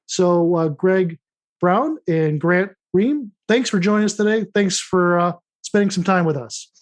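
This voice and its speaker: Male podcast host, notably high voice, conversational interviewing style. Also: unhurried.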